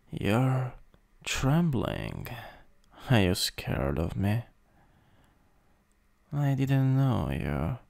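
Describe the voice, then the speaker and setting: A man acts out a slow, gravelly, Italian-accented vampire master who cruelly mocks his servant in an improvised ASMR roleplay, partly whispered into a close USB mic. His lowish voice is breathy and husky, heavily acted with teasing menace, drawn-out and condescending.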